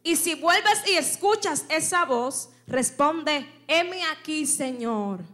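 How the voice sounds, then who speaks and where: A woman's voice: sits high, expressive, takes it slowly, fairly bright tone, heavy reverb, distant mic, heavily acted. A woman preacher voicing a patient, fatherly old male priest in a sermon. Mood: advising.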